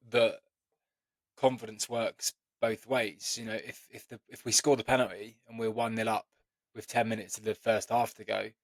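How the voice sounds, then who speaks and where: A man co-hosting a football podcast, talking things through in a measured, analytical way and often repeating words as he thinks. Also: medium pitch, no room sound. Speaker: podcast co-host. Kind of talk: casual football podcast chat.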